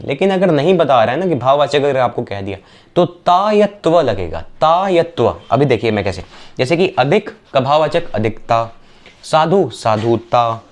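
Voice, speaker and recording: Young male tutor, mid-range voice, fast drill-style exam revision with constant check-ins. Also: mid-range voice, darkish tone. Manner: brisk, repetitive drilling with quick checks on the students. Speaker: teacher.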